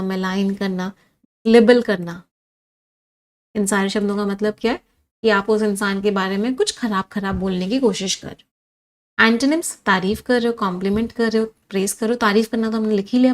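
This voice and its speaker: A woman with an Indian accent teaching English vocabulary in a live online class, listing synonyms and reading out student comments. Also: mid-range voice. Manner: animated, reads comments and drills synonyms with students.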